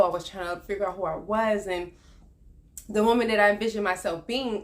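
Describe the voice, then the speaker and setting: A woman in her thirties talking earnestly about her life in a personal vlog, reflective and loose, with many fillers. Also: mid-range voice. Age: 30s. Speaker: vlogger.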